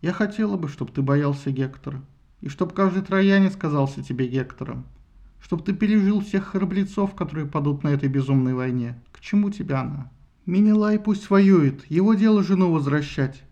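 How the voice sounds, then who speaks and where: A passionate young wife pleads with and reproaches her husband, voiced by a man reading the story. The voice is pushed high and emotional. The storybook recording sounds muffled. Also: moderate pace, mellow, lightly acted. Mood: pleading.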